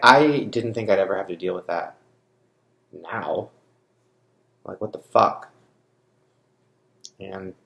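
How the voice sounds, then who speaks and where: A man's voice: fairly low pitch, gravelly. A young man talking openly to camera as a vlogger, blunt and profane, rambling and raw with grief. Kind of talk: unscripted confessional monologue to camera. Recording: roomy echo.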